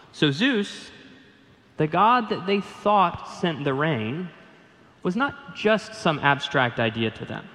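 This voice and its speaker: A male pastor preaching a sermon in an earnest, measured way, building emphasis as he goes. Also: a little high, pushed and bright, big-room sound.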